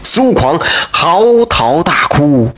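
A man's voice: a little high, sing-song, takes it slowly, fairly bright tone. A man telling a folk tale in a chatty, colloquial way, with asides and exclamations. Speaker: storyteller.

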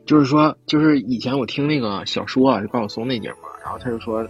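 Fast-talking man chatting over music. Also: mid-range voice, husky, highs cut off. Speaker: podcast co-host. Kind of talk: casual chat and anecdote telling.

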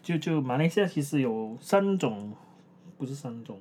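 Low-voiced Malaysian woman speaking halting Mandarin. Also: lively intonation, warm tone, a little hiss or hum. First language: English-schooled Malaysian Chinese, non-standard Mandarin. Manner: hesitant non-native-like Mandarin, searching for words and repeating herself. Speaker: podcast co-host. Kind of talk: casual unscripted podcast chat.

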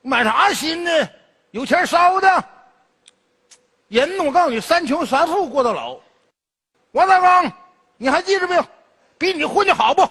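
A brash, mocking country cousin. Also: male voice, very high voice, lively intonation, bright, forceful tone, big-room sound, heavily acted. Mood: bantering. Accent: Northeast Chinese. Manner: brash, mocking, quick-witted teasing. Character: stingy loud-mouthed rural male cousin visiting the city. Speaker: comedy sketch performer. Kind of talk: comedy sketch dialogue.

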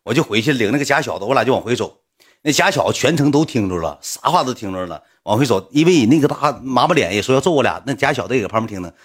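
A man telling a story casually, in animated slang that swings into loud retorts. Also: mid-range voice, fast talker, slightly rough.

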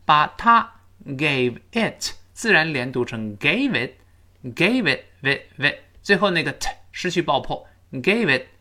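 A man who is a native Chinese speaker, teaching English pronunciation, explaining sounds in detail and slowing way down on model sentences for students to repeat. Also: on the high side, very animated, pushed and bright. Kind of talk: spoken English lesson with repeat-after-me drills.

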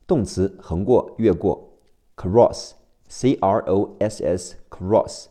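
Slow, low-voiced male phonics teacher. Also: mellow. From China. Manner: slow, deliberate letter-by-letter spelling. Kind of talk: spelling and pronunciation drill.

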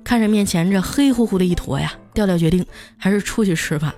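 A woman's voice: medium pitch, quick pace, warm tone, soft background music. A woman host telling comic anecdotes in a chatty, scripted way. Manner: chatty, punchline-driven delivery. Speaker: comedy storyteller host. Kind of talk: scripted comedic storytelling.

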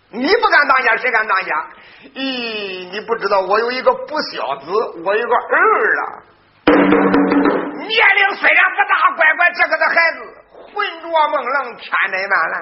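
男艺人扮的胆小的老员外. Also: male voice, extremely high pitch, muffled recording, heavy background noise. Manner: pleading, fretful. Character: timid old rich squire afraid of son.

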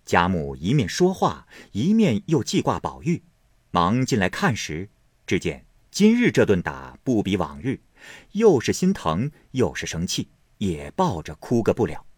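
A man narrates a classic novel slowly and with a lively, rising and falling voice, acting out each scene. The recording is dry and close with no room sound. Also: lowish voice, breathy edge, dry recording. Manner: expressive storytelling, voicing each character. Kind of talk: dramatic audiobook reading of a classic novel.

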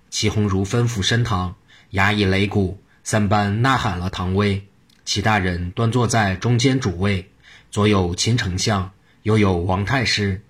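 A man reading a traditional story aloud in a steady narrating manner. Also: fairly low pitch, breathy edge.

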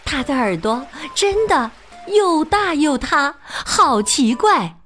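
A woman reading a children's picture book aloud in a slow, expressive, sing-song way. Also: high voice, soft background music. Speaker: storyteller.

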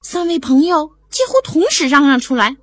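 Expressive woman reading a bedtime story. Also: high voice, normal speed. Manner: expressive, animated. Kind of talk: children's bedtime story narration. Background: background music.

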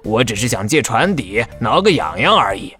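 A man's voice: medium pitch, sing-song, normal speed, pushed and bright, faint music behind. A man voicing a big, blunt, grumbling but good-hearted shark in a children's audio story. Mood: grumbling, itchy.

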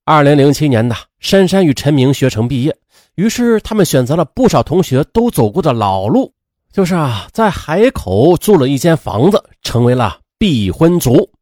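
Animated male true-crime storyteller, close dry sound. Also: fairly high pitch, normal speed, no room sound. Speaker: narrator of a true crime audio program. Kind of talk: lively spoken storytelling narration with conversational asides.

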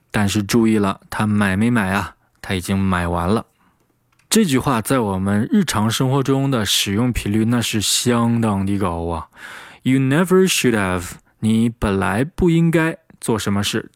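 A man teaching English pronunciation, repeating example phrases slowly and then at speed. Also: on the low side, dry recording, clean studio sound.

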